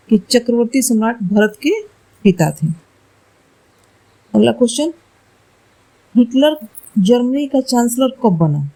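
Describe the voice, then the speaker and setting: Slow, mellow-voiced woman teaching exam facts. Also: a little high, poor audio. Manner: slow, deliberate explaining, corrects herself aloud. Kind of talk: reading quiz answers for exam study.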